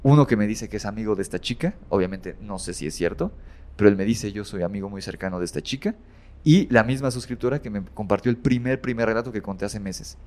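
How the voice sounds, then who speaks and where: A man's voice: fairly low pitch, quick pace, darkish tone. A man casually retelling a horror story as a guest, rambling with many fillers and self-corrections.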